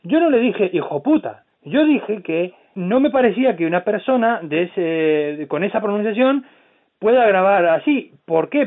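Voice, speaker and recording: A man hosting a podcast, talking in a blunt, profane, animated way. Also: high-pitched. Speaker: podcast host. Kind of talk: casual podcast chat. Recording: tinny phone-like sound.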